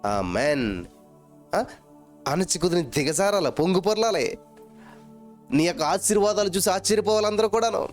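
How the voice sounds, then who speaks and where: Telugu-accented man preaching, fairly high voice. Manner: preaching with repeated chanting phrases and swings between loud and low. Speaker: pastor. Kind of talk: sermon.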